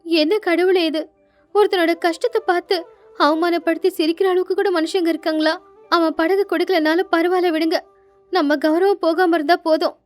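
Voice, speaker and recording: A woman's voice: extremely high pitch, fairly even intonation, brisk, soft background music, voice pushed up. A woman playing a caring young fisherman's wife. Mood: anxious. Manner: gentle, pleading. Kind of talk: storybook narration with character voices.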